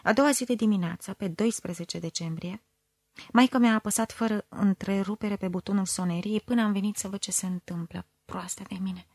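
Gravelly woman reading a novel. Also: mid-range voice, a little mellow, no echo. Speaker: audiobook reader. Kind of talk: first-person literary audiobook narration.

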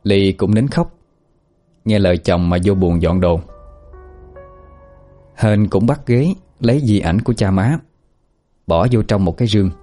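A man narrates a dramatic story in an earnest, steady way. His voice is low and warm, with soft music playing behind him. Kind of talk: scripted narration.

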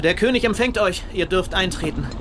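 A man's voice: high voice, fairly quick, background noise, close to an everyday voice. An actor playing a loyal, anxious knight attending his king in an audio drama, deferential and urgent in courtly speech. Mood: deferential, wary.

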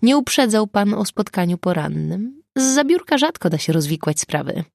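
A woman voicing a calm, dryly ironic police sergeant who answers in a cool, level tone in an audiobook. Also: mid-range voice, normal speed, vocal fry, no room sound, studio quality, voice pushed up.

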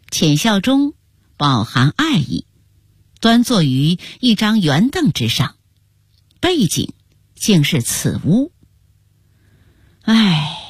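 A woman telling a historical story in scripted narration, with an expressive, melodic delivery. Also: mid-range voice, husky, no room sound, studio quality. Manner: expressive, rising and falling melodically.

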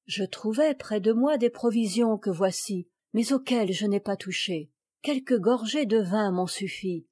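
Tender devoted young boy, read by a woman narrator, slow and warm. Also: medium pitch, husky, no room sound, clean studio sound. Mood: earnest.

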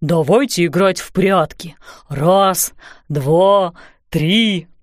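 A mischievous talking dustpan from a storybook speaks in a low, dusty drawl, as a woman puts it on. Every word is stretched out slowly, and the sound is close and dry with no room echo. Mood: playful. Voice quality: dusty, slow.

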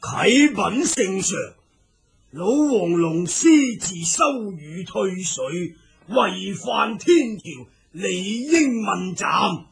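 A man's voice: high voice, big pitch swings, extremely slow, vocal fry, voice pushed up, exaggerated voice. A man voicing a spiteful, haughty sea Dragon King in a Cantonese storybook drama, declaiming formal accusations. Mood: loud accusing.

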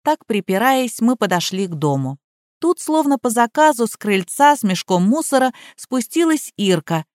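A woman's voice: a little high, very animated, moderate pace, darkish tone, no room sound, clean studio sound. Woman reading a comic audiobook. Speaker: audiobook narrator. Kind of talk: first-person audiobook reading.

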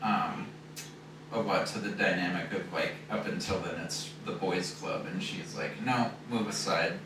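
Deep-voiced man in an echoey room. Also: fairly even intonation, normal speed. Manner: loose and rambling, heavy on fillers. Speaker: podcast co-host reviewing a film. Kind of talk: casual chat. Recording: very echoey room, distant mic, noisy.

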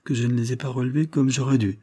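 A man voicing a calm, reserved governess. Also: medium pitch, quick pace, no echo, voice pushed up, close to an everyday voice. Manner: calm, composed.

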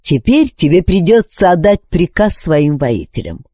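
A woman doing Encanto, a calm ironic sorcerer. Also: lowish voice, slightly rough, no echo, clean studio sound, voice pushed up, heavily acted. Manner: calm, unhurried, gently ironic. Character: calm, wise, amused adult male sorcerer.

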